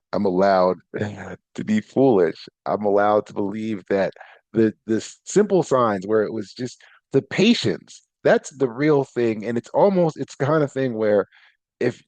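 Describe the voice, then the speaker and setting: A man's voice: medium pitch, darkish tone, no echo. A man hosting his own podcast, talking casually in a rambling, self-correcting way with bursts of animation. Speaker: podcast host. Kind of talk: casual solo podcast talk.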